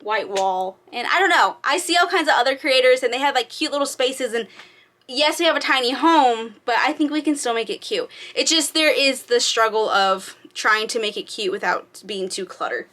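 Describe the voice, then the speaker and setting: A woman's voice: fairly high pitch, expressive, moderate pace, fairly bright tone. A woman giving a casual, giggly, self-deprecating vlog tour from inside a small RV trailer, talking informally. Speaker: vlogger.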